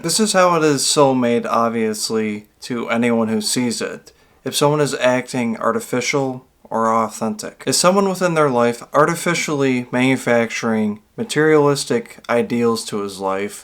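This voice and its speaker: A man's voice: medium pitch, fairly bright tone. A man with a small video channel giving an earnest, rambling motivational monologue, drawing out key words for emphasis.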